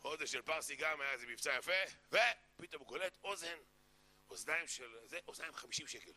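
Man, sermon with jokes, animated storyteller, tense bright tone, somewhat high voice. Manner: animated storyteller, acting out characters. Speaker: preacher. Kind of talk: sermon mixing jokes and Torah teaching.

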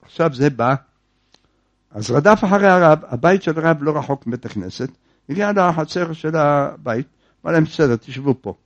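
A man telling a folk tale aloud in a lively way, acting out the characters. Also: on the high side, lo-fi sound. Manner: lively, acts out characters and breaks into song. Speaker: storyteller. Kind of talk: oral folk storytelling.

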